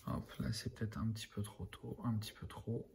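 A man talking through a miniature painting tutorial in a relaxed, rambling way, full of fillers and dropping to a murmur while he works. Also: lowish voice, fairly quick, vocal fry, background noise.

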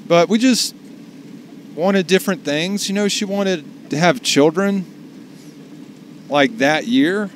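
A man's voice: high-pitched, slow pace, pauses often, slight background noise. A man chatting casually to the camera while driving for food deliveries, rambling and salty. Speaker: delivery driver vlogger. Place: in a car.

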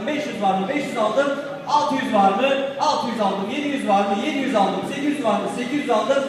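High-pitched male auctioneer in an echoey hall. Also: a little fast. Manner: insistent, repetitive chanting of prices. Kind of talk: auctioneer's rapid repeated bid calling. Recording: distant mic in echoey hall with crowd.

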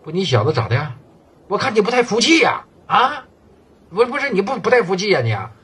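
A man with a Northeastern Mandarin accent voicing a stern, domineering middle-aged male gang boss who lectures loudly. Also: high-pitched, wildly swooping pitch, a little fast, breathy edge, voice pushed up, full character voice. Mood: indignant. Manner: scolding, raised and lecturing.

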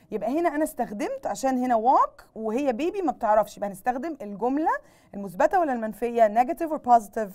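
A woman's voice: on the high side, dark tone. A woman with an Egyptian Arabic accent teaching an English grammar lesson, switching between Arabic and English, asking questions and answering them herself. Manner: slows down and spells out English words one at a time. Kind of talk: televised classroom lesson.

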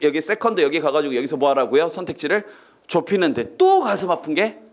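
A man teaching an online English exam-prep lecture, firing quick questions at his students and acting out reactions with silly voices. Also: a little high, very animated, noisy background.

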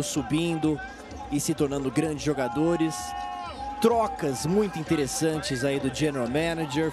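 A man with a Brazilian accent gives animated baseball analysis in a fairly high voice. He builds his points emphatically, phrase by phrase. A stadium crowd is clearly heard behind him. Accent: Brazilian Portuguese. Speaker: sports colour commentator.

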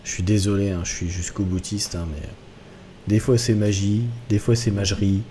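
A man's voice: lowish voice, little pitch movement, normal speed, warm tone, a little hiss or hum. A young adult man streaming a game live, chatting and joking with his viewers in a rambling casual way. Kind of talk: casual live gameplay commentary.

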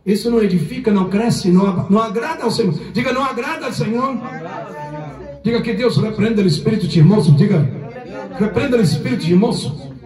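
Preacher, male, high voice, echoey church, distant mic. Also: a little fast, darkish tone. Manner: mixes Spanish and Portuguese, calls the congregation to repeat. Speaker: pastor. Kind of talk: sermon.

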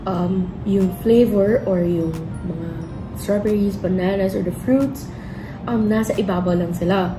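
A woman's voice: mid-range voice, unhurried, roomy sound, over music, low-quality recording. A Filipino-accented woman food vlogger mixing English and Tagalog in a casual review, talking while eating. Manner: mixes English and Tagalog, enthusiastic.

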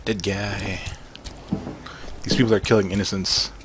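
A young man commenting casually on a game he is playing, joking and swearing in excited outbursts. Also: lowish voice, unhurried, background noise. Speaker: gaming channel host.

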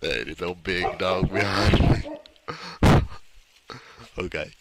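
A man's voice: low-pitched, takes it slowly, creaky, heavy background noise. A man putting on a country accent while giving nervous, jumpy gameplay commentary. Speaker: gamer.

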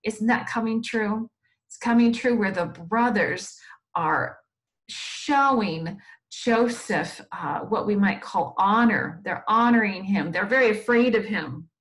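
A woman teaching Sunday school, telling a Bible story to children in an animated way and asking them questions. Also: medium pitch, slow pace.

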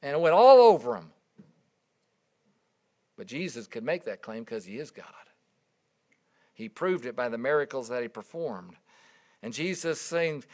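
Middle-aged male preacher, a bit higher-pitched than most, earnest, builds to emphasis and then drops quiet. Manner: earnest, emphatic, storytelling with rising and dropping volume. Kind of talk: sermon.

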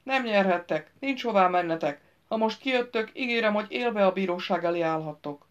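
A woman's voice: mid-range voice, highs cut off, natural voice. A woman roaring as a defiant thief. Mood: threatening. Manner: roaring threats. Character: wounded male thief, defiant and threatening.

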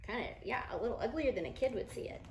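Reading a picture book to children from her home living room couch, a woman in her thirties explains the story and poses questions with lively expression. Her fairly high voice is animated, a little mellow, and races along. Slight background noise and a roomy living-room echo come through.

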